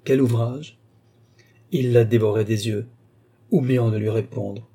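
A man reading a nineteenth-century short story aloud in a measured, expressive narration. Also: on the low side. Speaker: audiobook narrator. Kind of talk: scripted literary narration.

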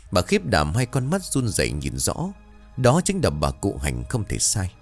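Male horror storyteller, deep, highly expressive delivery. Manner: dramatic, suspenseful. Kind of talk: scripted horror story narration.

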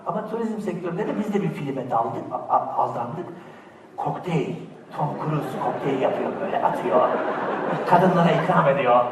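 A man performing animated stand-up comedy, slipping into mock voices and shouts, heard on a bootleg recording from a large theater audience. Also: a little high. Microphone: bootleg recording from the audience, far from the stage. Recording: echoey, distant bootleg theater recording with crowd noise.

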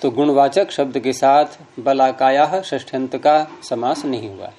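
A man's voice: medium pitch, unhurried, mellow. A man teaching Sanskrit grammar, patiently explaining rules step by step with examples and repeating key terms.

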